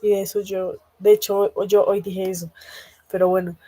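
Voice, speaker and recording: A woman's voice: medium pitch, little pitch movement, normal speed, dark tone. A woman teaching a grammar lesson to a class, talking patiently with many hesitation fillers and often checking that students understand. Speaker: language teacher.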